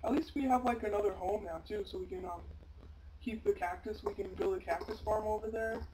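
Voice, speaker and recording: A woman giving casual, chatty gameplay commentary, breaking into sudden loud exclamations. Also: medium pitch, brisk. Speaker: gameplay video maker. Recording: loud background noise.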